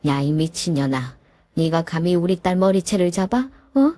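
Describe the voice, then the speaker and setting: A woman's voice: on the low side, animated, normal speed, dark tone, dry recording. A woman doing a fierce, scornful older mother. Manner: scornful, cursing.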